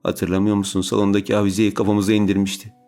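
A man's voice: fairly low pitch, completely flat delivery, quick pace, dark tone, faint music behind, natural voice. A man voicing a spiteful, scornful middle-aged woman who sneers and spits insults in an audiobook. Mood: fearful.

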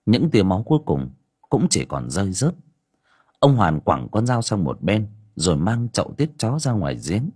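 A man narrating a village story as an audiobook in a dramatic, expressive way. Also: lowish voice, normal speed, husky.

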